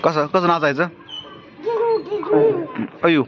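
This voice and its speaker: A woman's voice: deep voice, fairly even intonation, slow. A woman talking casually with her small children in a home vlog, alternately scolding and coaxing them. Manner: scolding, coaxing, fussing over small kids. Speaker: family vlogger, parent. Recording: dull lo-fi sound with loud outdoor noise.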